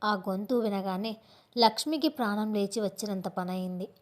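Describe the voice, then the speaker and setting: A woman narrating a scripted audio story with measured, dramatic pacing. Her pitch sits in a comfortable middle range.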